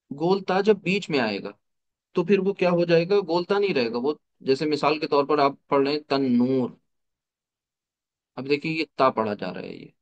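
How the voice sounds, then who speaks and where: A man teaching an online class, explaining step by step, asking rhetorical questions and mixing English terms into his explanations. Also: a little high. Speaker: Arabic teacher.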